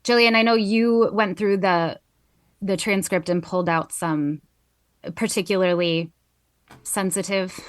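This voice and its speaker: A woman's voice: medium pitch, fairly even intonation, measured pace, long pauses, no room sound. Brief: woman podcast co-host, chatty, dry close sound. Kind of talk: casual podcast chat.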